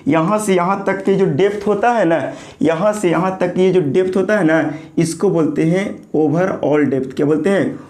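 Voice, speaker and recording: A man's voice: a little high, darkish tone. A man teaching a lecture, asking questions and answering them himself, his voice a little thick from a sore throat. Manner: repeats key terms as call-and-response questions. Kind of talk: classroom lecture.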